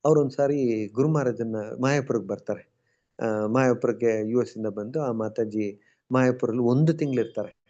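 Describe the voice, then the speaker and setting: A man's voice: mid-range voice, normal speed, dark tone. A man with a Bengaluru Kannada accent telling stories in a colloquial devotional talk, acting out the people he quotes. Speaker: devotee speaker. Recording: dull lo-fi sound.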